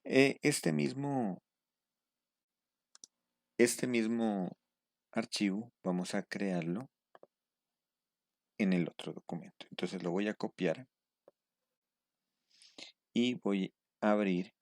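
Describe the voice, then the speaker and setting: A man teaching step by step in a screen-recorded tutorial. He pauses often to check in with his students. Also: fairly low pitch, dry recording, clean studio sound. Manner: patient step-by-step explaining, checking in with a questioning "mm". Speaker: instructor.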